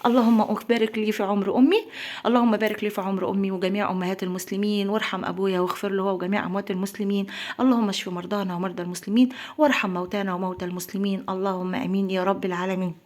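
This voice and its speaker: A woman's voice: mid-range voice, fairly even intonation, very fast, a little mellow. A young woman with an Egyptian accent, talking earnestly to her viewers about prayer and blessings. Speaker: lifestyle vlogger. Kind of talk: heartfelt religious talk to viewers.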